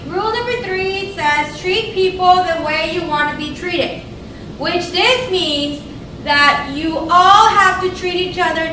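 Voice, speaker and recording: A woman speaking as a kindergarten teacher, giving an earnest, upbeat classroom lecture in simple words for young children. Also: extremely high pitch. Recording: distant mic, very echoey noisy room.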